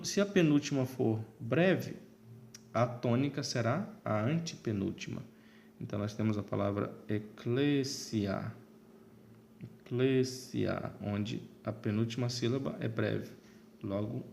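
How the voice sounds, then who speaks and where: A man teaches an online Latin lesson in a gravelly, creaky voice. He explains step by step and pauses to check that his listeners are following. A faint hiss sits under the recording. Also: mid-range voice, darkish tone.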